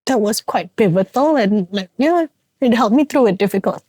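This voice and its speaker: A woman's voice: on the high side, animated, normal speed, dark tone, dry recording. Reflective Singaporean woman, dry close sound. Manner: reflective, frequent fillers and restarts. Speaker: podcast co-host and theatre actress. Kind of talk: casual podcast chat.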